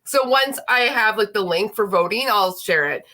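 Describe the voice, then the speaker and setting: A woman's voice: medium pitch, lively intonation, moderate pace, bright, forceful tone. A woman in her late thirties hosting a casual livestream chat, sounding stuffy and congested from a lingering illness, rambling with lots of fillers. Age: 30s. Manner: chatty, rambling, with frequent fillers. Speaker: host.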